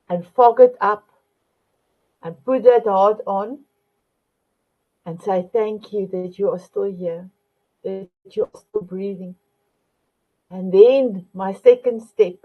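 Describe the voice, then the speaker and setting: A woman's voice: mid-range voice, slightly rough. A woman hosting a motivational talk show, calling viewers her beautiful ones and sometimes searching for an English word. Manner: warm, repetitive terms of endearment, searching for English words. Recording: phone-line quality audio.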